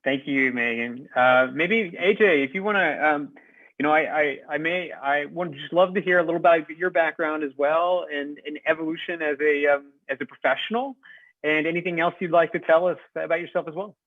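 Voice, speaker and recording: A man moderating a conference panel, introducing the guests in a halting way. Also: on the high side, no echo. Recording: tinny phone-like dry audio.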